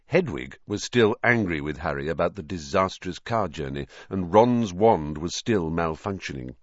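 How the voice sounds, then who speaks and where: A man reading an audiobook in scripted narration, expressive and voicing the characters. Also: low-pitched, no echo, dull audio.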